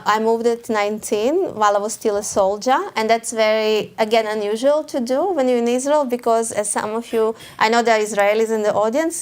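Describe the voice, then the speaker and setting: The guest author here is a woman with a Russian accent and a smooth, mid-range voice, speaking to a live audience in an event hall. Her talk comes out hesitantly, with frequent restarts and brief laughs.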